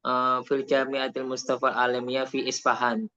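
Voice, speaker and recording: A man's voice: medium pitch, monotone, moderate pace, sharp tone. Chatty man teaching Arabic, lo-fi. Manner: chatty, tells personal anecdotes, mixes in Arabic phrases. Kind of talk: casual teaching chat.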